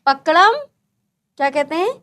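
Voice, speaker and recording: Lively high-voiced woman teacher. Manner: sing-song, stretches single words slowly for young children. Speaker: primary school teacher. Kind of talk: children's lesson.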